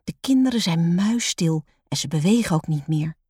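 A woman reading a children's storybook aloud in a calm, measured way. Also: lowish voice, breathy edge, no echo, clean studio sound.

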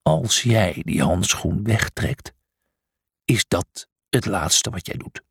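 A man's voice: fairly low pitch, animated, gravelly, darkish tone, slightly rough, dry recording, clean studio sound, pitched below the performer's own voice, exaggerated voice. Man doing a stern, menacing guard. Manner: slow, menacing. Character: stern male guard, cold and threatening.

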